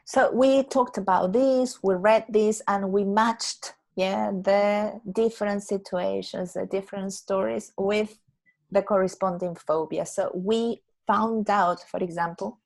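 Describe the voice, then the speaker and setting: A woman teaching an English class over a video call. She explains patiently, repeats words slowly and keeps checking with "yeah?". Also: mid-range voice, steady tone, vocal fry, darkish tone, poor audio. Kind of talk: online English lesson.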